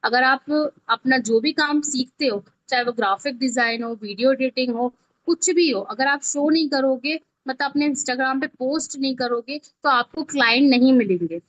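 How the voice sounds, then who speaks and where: Here a woman teacher with an Indian accent explains video editing in a relaxed, step-by-step online lesson, pausing often to confirm learners are keeping up. Her voice is high-pitched and a bit bright, at a normal speed. The recording is dry, with the dull, lo-fi quality of online class audio.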